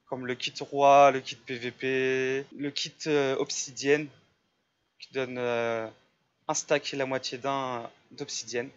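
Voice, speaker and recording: A man's voice: medium pitch, little pitch movement, slow, clean tone, muffled recording. A man giving casual, step-by-step commentary over his own gameplay, chatty and full of fillers. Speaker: Minecraft server YouTuber.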